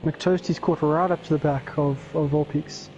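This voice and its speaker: Mellow-voiced male co-commentator. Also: a little high, fairly even intonation, moderate pace, highs cut off, a little hiss or hum. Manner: thoughtful, speculating on drivers' moves. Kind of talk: live sim-racing commentary.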